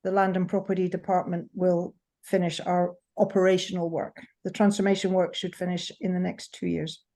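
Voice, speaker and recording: A woman introduces herself on a video call with a mellow, dark tone. Her pitch stays flat and even as she lays out her work in a matter-of-fact, explanatory way. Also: moderate pace. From Scotland. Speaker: head of operations.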